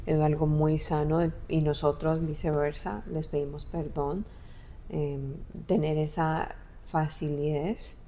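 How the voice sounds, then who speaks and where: A young adult woman talking casually with her mother, often pausing and restarting as she searches for words. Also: low-pitched, flat delivery, dark tone, a little hiss or hum. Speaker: guest, adult daughter. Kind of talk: casual podcast conversation.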